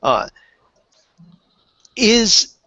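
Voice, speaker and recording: A man's voice: drawn-out words, sharp tone, no echo. Hesitant man questioning on a sports panel. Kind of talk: roundtable sports talk.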